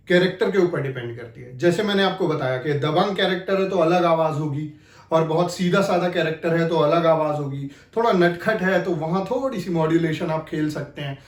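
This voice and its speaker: An acting coach with a high voice gives an emphatic instructional talk, explaining points and repeating key phrases to demonstrate them. The sound is roomy.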